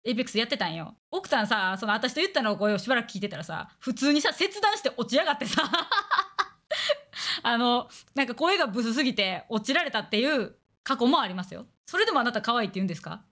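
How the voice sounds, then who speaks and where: Speaking with a Kansai Japanese accent, a young woman trades quick, crude, blunt banter on a laid-back stream, acting out quotes as she goes. Her voice is slightly high, expressive, bright, and forceful.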